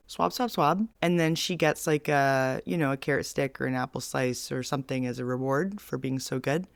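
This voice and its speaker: Woman rambling through animated explanations. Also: low voice, vocal fry, no echo. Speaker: podcast co-host. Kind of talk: casual chat.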